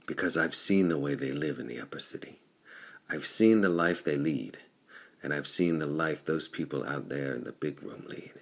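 A man's voice: very deep voice, moderate pace, creaky, heavily acted. A man reading as a determined pirate chief. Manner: earnest, determined. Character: bold red-haired pirate chief, adult male, defiant.

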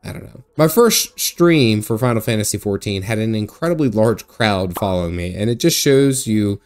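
A man's voice: lowish voice, animated, moderate pace. A man narrating a recap of his own game session, sarcastic and joking, often laughing at the game. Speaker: gaming video host.

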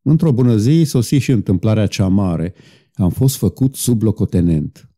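A man's voice: on the low side, lively intonation, dark tone. A man voicing a proud, bitter young guard officer who talks sadly and defensively in an audiobook. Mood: recounting.

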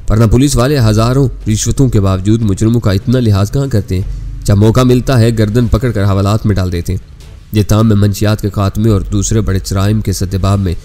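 A man reads a spy novel aloud with a fairly low, mellow voice. He keeps a steady storytelling pace and voices every character without changing his voice. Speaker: narrator. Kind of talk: scripted audiobook narration.

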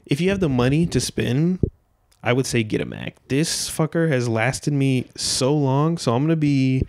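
This twenties-aged podcast host speaks at a medium pitch and moderate pace, his voice a little mellow, with no echo. Alone in a small home room, headphones on, he holds a dynamic mic and rambles in a relaxed, loose way, peppering his talk with filler words and curses.

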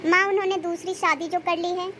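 A woman's voice: extremely high pitch, flat delivery, fairly quick, bright, forceful tone, slight background noise. A woman voicing a meek, childless young wife in a cartoon story, speaking in a tearful, resigned, pleading way. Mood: sad, resigned. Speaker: cartoon character.

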